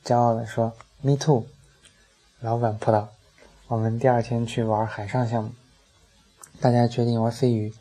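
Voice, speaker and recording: A man's voice: mid-range voice, warm tone, rough recording. A man narrating a humorous first-person travel story, dry and comic in his delivery.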